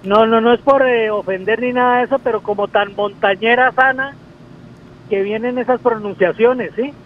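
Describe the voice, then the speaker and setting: A man's voice: very high-pitched, fairly even intonation. A man from Colombia's Valle del Cauca with a Valle accent, calling in to a radio show and chatting agreeably. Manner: chatty and agreeable, quick to confirm. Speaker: caller. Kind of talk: casual radio call-in chat. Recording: dull phone line with faint noise.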